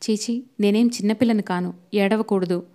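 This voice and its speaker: A woman's voice: medium pitch, fairly even intonation, normal speed, dark tone, natural voice. A woman reading an audiobook voices a lonely, heartbroken young woman who pleads tearfully with her absent love. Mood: pleading.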